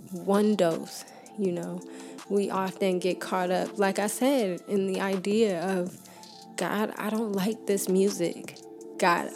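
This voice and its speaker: A woman's voice: mid-range voice, dark tone. A young woman giving a casual, heartfelt faith talk, speaking informally and often saying "like" and "you know.". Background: background music.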